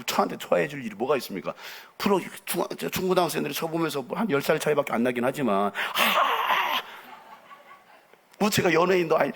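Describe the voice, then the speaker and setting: A middle-aged man preaching a lively, theatrical sermon to young people as a pastor. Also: fairly high pitch, creaky, breathy edge. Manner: animated, theatrical, acts out quotes and jumps around.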